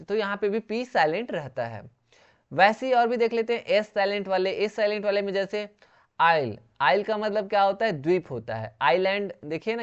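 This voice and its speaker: Patient teacher with a smooth, dull-sounding voice. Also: mid-range voice. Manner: repeats each word slowly and poses questions to the learner. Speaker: English teacher. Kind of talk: explanatory lesson. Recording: dull lo-fi recording.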